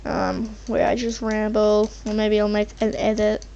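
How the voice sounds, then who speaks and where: A woman's voice: mid-range voice, level tone, measured pace, creaky, dark tone. A woman casually rambling over her gameplay as a channel host, hesitant and meandering as she thinks aloud. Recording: muffled mic with faint background noise, keyboard typing.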